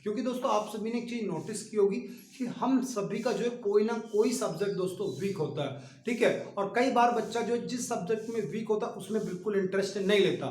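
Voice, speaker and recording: A man's voice: high voice, fairly quick, a little mellow, reverberant. A man teaching an online exam-prep lesson. He explains things patiently and keeps stopping to speak straight to his listeners. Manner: explains patiently, often stops to address the listeners directly. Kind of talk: online classroom lecture.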